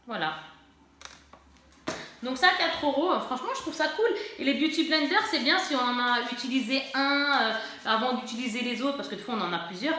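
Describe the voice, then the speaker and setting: A woman's voice: on the high side, sharp tone, a little hiss or hum. A woman vlogging a casual shopping haul, chatty and self-mocking, often searching for her words. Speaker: beauty vlogger. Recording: very echoey room.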